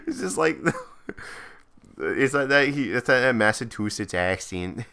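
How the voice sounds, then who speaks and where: A man's voice: mid-range voice, expressive, takes it slowly, vocal fry, pushed and bright, clear, resonant tone. A man co-hosting a casual couples podcast, rambling and giggling, trailing off as he hiccups from hunger. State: hiccuping, hungry. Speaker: podcast co-host.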